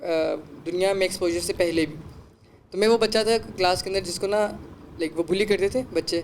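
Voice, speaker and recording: A man's voice: sits high, fairly even intonation, a little hiss or hum. A young man hosting a podcast, telling a rambling story in casual chat and mixing English words into his speech. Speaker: podcast host.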